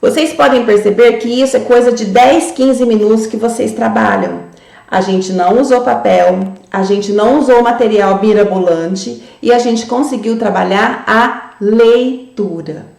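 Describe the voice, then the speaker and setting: A woman with a Brazilian Portuguese accent, training teachers in a tutorial and sounding out words slowly syllable by syllable. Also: on the high side, creaky, a little mellow, echoey room. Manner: slow, syllable-by-syllable demonstration for young children.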